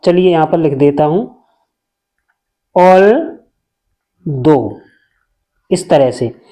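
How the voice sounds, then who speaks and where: A man's voice: on the high side, moderate pace, mellow. A man teaching an English reading lesson, reading one word at a time and asking how each word is pronounced. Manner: reads each word separately and asks the learner how to pronounce it.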